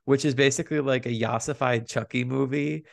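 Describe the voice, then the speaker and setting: A man's voice: mid-range voice, steady tone, a little fast, creaky. A man co-hosting a podcast, chatting casually about movie news and box office figures. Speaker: podcast co-host.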